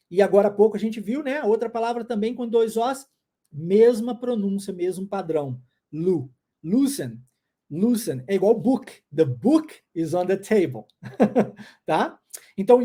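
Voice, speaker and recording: A woman with a Minas Gerais Brazilian accent giving a chatty, playful English lesson and drilling words slowly. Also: fairly high pitch, mellow. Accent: Brazilian Portuguese, mineiro (Minas Gerais). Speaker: English teacher. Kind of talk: casual online English lesson.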